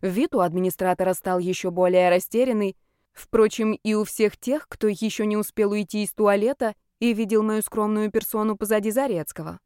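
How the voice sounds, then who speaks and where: A woman narrates an audiobook in an even, measured way. Her voice is smooth and clear at a middle pitch. The recording is dry and close to the mic. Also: dry recording.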